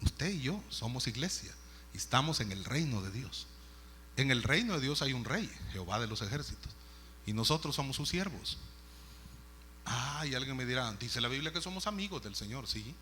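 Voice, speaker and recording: A man's voice: mid-range voice, moderate pace, long pauses, slight background noise. A male preacher, delivering a storytelling sermon and acting out scenes. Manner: storytelling, animated, acts out scenes.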